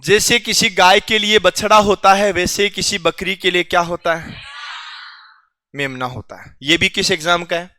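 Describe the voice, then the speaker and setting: A man's voice: sits high, normal speed, bright, forceful tone, no room sound, studio quality. A male teacher quizzing his students in a classroom, teasing and joking with them as he goes, with a Rajasthani Hindi accent.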